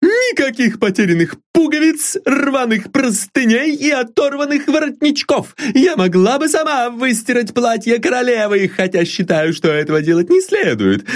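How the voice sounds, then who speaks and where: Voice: sits high, voice pushed up. A reader voicing a cheerful, loyal, bustling maid in an audiobook. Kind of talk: audiobook reading.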